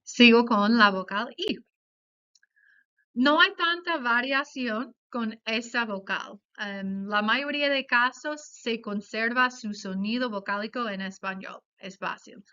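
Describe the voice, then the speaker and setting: Slow, careful woman giving a lesson. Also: fairly high pitch, sharp tone, smooth. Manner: careful, explanatory, pronounces example words slowly. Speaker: student presenter. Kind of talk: class presentation on pronunciation. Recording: dull lo-fi sound.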